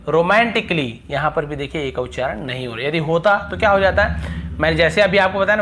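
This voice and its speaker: A male teacher giving a video lesson, explaining step by step, repeating example words slowly and asking rhetorical questions. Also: high voice, a bit bright, a little hiss or hum. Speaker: English teacher. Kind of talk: classroom-style video lesson.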